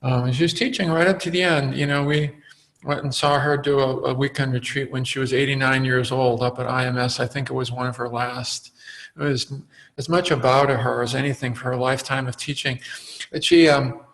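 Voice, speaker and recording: A man giving a dharma talk as a meditation teacher, reflective and halting, with frequent fillers and restarts. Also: mid-range voice, fairly even intonation, fairly bright tone, low-quality recording.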